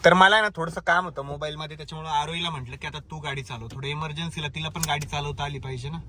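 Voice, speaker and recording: A man's voice: on the high side, steady tone, racing. A man from Maharashtra, India, co-hosting a vlog with teasing, joking chat from inside a car. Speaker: vlogger, co-host.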